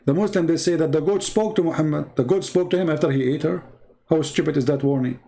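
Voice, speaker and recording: A man's voice: a little high, fast talker, gravelly, dark tone. A man hosting a live-stream debate, reading viewer comments aloud and answering in combative, mocking, non-native English. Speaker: online religious debate host.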